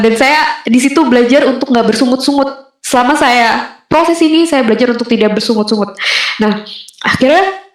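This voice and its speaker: A young woman giving a casual personal testimony, pausing often with fillers as she talks. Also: on the high side. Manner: conversational with frequent fillers and hesitations. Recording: very echoey room.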